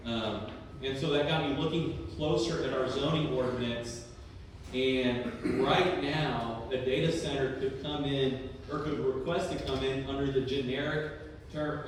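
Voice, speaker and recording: A Texan city planning director addresses a public meeting in a large, echoey council chamber, easygoing and plain-spoken with frequent pauses on "um." His voice is at an ordinary middle pitch. It is picked up by a distant room mic, so a long reverb rolls through the hall over a faint hiss.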